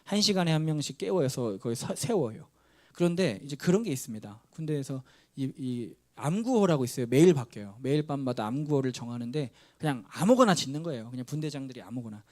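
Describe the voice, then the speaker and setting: A man's voice: medium pitch, animated, fast, a little mellow. A man preaching a sermon as pastor, telling a story and acting out its dialogue.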